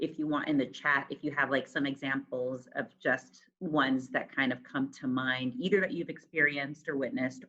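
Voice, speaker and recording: A woman's voice: low voice, bright, forceful tone. A woman facilitating a discussion on a video call, encouraging and full of hedges. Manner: encouraging, hedging with fillers. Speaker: session facilitator. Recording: slightly dull video-call audio.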